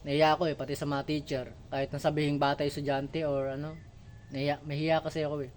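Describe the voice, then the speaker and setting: Filipino guy w missing front teeth doing a casual vlog, slightly high voice, some noise behind him. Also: little pitch movement, fast talker. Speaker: vlogger.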